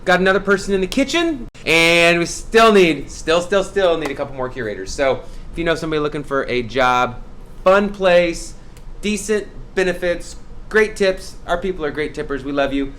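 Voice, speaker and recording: A man's voice: fairly high pitch, normal speed, fairly bright tone, a little hiss or hum. A young man hosting a casual brewery video, chatting in an upbeat way about specials and beer styles with playful sound effects. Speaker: brewery host. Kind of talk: casual promotional vlog chat.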